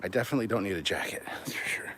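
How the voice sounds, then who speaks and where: In a bright, pushed whisper on the low side, a Canadian livestream host talks fast and expressively while walking outdoors, somewhat out of breath. He keeps things loose and casual, cursing and reading out viewer comments to reply to them. Traffic sounds come through the noisy recording.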